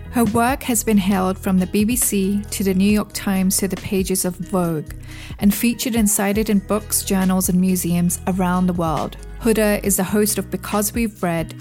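A woman's voice: mid-range voice, warm tone. Woman reading a polished podcast intro. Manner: polished, read-aloud delivery. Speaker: podcast host.

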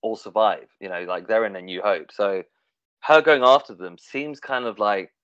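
A man's voice: on the low side, moderate pace, a bit bright, clean tone, no echo. A man talking casually in a discussion, hesitant, with many fillers and restarts. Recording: dull, dry, lo-fi sound.

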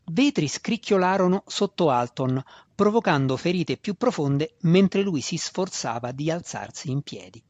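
Husky-voiced male audiobook narrator. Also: on the high side, lively intonation, unhurried, hardly any pauses, a little mellow, no room sound. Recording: dull dry lo-fi recording.

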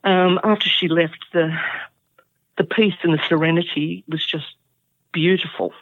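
A woman's voice: fairly low pitch, steady tone, no room sound. Earnest woman on a tinny phone line. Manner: earnest, halting, many fillers. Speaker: interview guest. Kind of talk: telling a personal story.

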